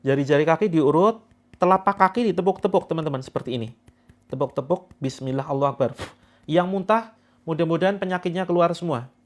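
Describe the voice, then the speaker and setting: A man's voice: on the high side, fast. A man leading a guided group healing session, repeating instructions and coaxing listeners through each step. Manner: instructing, repetitive, coaxing viewers through steps. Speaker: spiritual healing coach.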